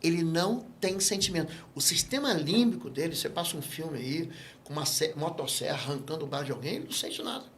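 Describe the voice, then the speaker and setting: A man with a Brazilian Portuguese accent, a guest pastor teaching in an interview and telling stories with lively acted-out dialogue. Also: on the high side, fast, slight background noise. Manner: animated storyteller who acts out quoted dialogue. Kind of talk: interview, teaching on spiritual matters.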